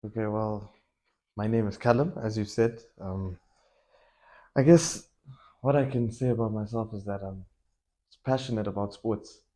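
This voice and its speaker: A young man from Malawi chats easily about his life in football, his voice sitting a little low. He talks in a loose, animated way, joking and laughing as he goes. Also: a little slow, pauses often. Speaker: football coach and academy owner. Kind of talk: casual podcast interview.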